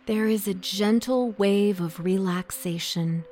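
A woman guiding a relaxation meditation in a soft, soothing voice that drops into a half-whisper. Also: mid-range voice, takes it slowly. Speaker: meditation guide. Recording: soft music behind the voice.

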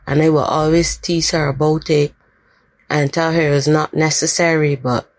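Slow-spoken woman. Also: sits low, no room sound. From Barbados. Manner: slow, gentle, heartfelt storytelling. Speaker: contributor sharing a memory. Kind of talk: recorded personal message.

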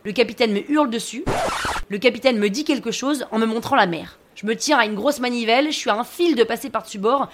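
A woman narrating a scripted comic podcast story about herself, wry and self-mocking. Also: fairly high pitch.

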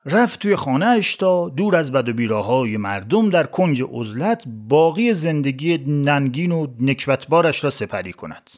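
A man's voice: fairly high pitch, sing-song, few pauses, a little mellow. A man narrating a satirical story in a wry, sardonic manner with conversational asides.

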